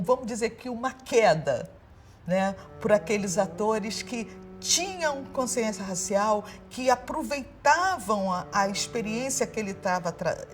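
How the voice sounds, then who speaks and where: A woman in an interview, reflecting passionately and pausing to search for words. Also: mid-range voice.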